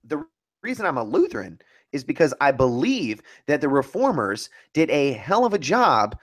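A man's voice: medium pitch, very animated, normal speed. A man co-hosting a podcast, debating heatedly in a casual, emphatic way and often restarting his sentences. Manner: emphatic, argumentative, restarts mid-thought.

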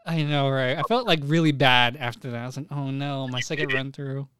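A man's voice: mid-range voice, steady tone, a little fast, fairly bright tone. A man co-hosting a podcast in casual chat, laid-back and swearing freely as he reads names off a list. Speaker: podcast co-host.

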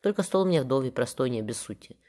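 A man reading the part of an anxious, gentle widowed queen and mother in an audiobook, softly worried. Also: medium pitch, expressive, racing, natural voice.

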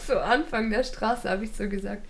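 A woman's voice: medium pitch, normal speed, gravelly, very noisy. A young woman, animatedly telling a funny, embarrassing story in casual chat, laughing often.

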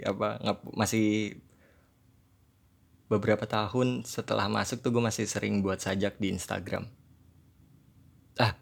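Low-voiced young man rambling in Jakarta slang. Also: gravelly. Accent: South Jakarta, with a Javanese tinge. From Indonesia, South Jakarta. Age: 20s. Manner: rambling, self-deprecating, Jakarta slang mixed with English. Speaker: podcast host. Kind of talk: casual solo podcast chat in Jakarta slang.

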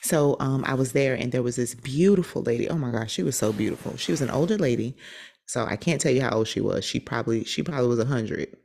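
An American woman co-hosting a podcast, chatting casually and telling anecdotes in an animated way, acting out what people said. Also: a bass voice, fast, creaky. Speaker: podcast co-host.

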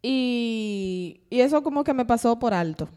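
Animated woman sharing faith stories. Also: on the high side, measured pace, clear, resonant tone. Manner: animated storytelling, laughs often. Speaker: podcast co-host.

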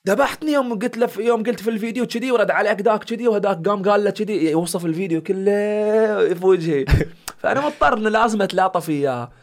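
Talking very fast in a high-sitting voice, a young man with a Bahraini village accent tells stories as a guest on a casual podcast. A content creator and comedian, he brings the people he quotes to life animatedly.

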